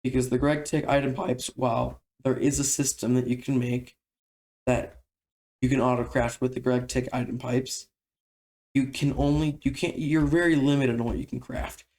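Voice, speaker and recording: A man talks through a game tutorial in a relaxed, conversational voice-over. His mid-pitched voice has a gravelly, creaky edge.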